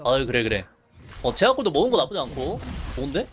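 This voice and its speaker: A man's voice: mid-range voice, big pitch swings, quick pace, fairly bright tone. Chatty man streaming a game. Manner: chatty, laughing, reads chat aloud. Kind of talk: live game streaming commentary.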